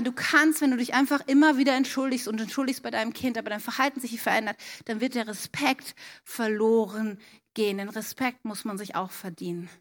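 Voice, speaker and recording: A middle-aged woman with a high voice gives an earnest church talk on raising children. She talks straight to the parents in the room, direct and heartfelt, as if coaching each one. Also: a bit bright.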